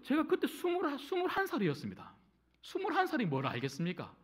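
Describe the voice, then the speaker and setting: A middle-aged male pastor preaching a sermon in a church, telling a personal story and speaking straight to the congregation. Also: sits high. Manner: animated storytelling, addresses congregation directly. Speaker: senior pastor. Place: church sanctuary.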